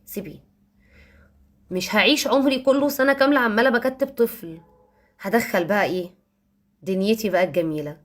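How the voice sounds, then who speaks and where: A teacher whose voice sits a little high explains her methods for teaching young children to parents, speaking with an Egyptian Arabic accent. She stresses points emphatically, repeats key words, and slows for examples.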